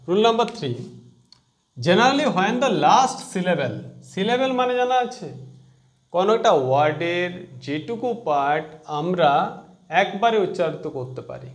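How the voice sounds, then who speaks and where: A man teaching a grammar lesson, explaining step by step and quizzing his students. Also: high-pitched.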